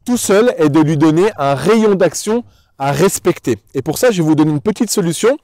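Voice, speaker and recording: A man's voice: on the high side, animated, moderate pace, mellow, no echo. A man working as a dog trainer, explaining things in a didactic, instructional way and addressing the viewer directly. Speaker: dog trainer presenting a tutorial.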